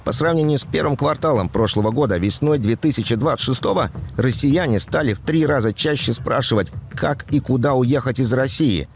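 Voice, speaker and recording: A man narrating a news report as a voice-over in an even, measured delivery. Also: mid-range voice, faint music behind.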